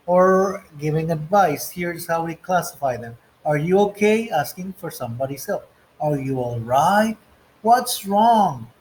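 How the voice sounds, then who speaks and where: Over a rough recording, a man with a high voice teaches an English lesson, working step by step through textbook exercises and reading the example phrases aloud.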